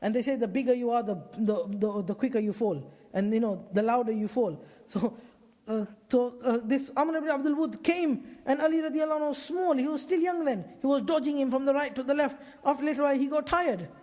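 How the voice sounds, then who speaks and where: A man retells a story in a sermon with animated delivery, often repeating and restarting his phrases. His voice is very high, and a long reverb trails after it as in a large hall. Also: fairly quick. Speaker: preacher.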